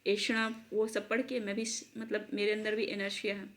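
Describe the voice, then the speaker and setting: A woman teacher giving an online spelling lesson for exam students, repeating words slowly and mixing in English terms. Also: mid-range voice, little pitch movement. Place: at a laptop.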